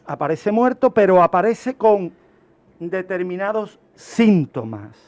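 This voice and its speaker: A man with a distinctly high voice and a darkish tone appears as a radio guest in a studio, explaining criminology and a historical case. He teaches as he speaks, emphatically stressing key points and answering his own rhetorical questions.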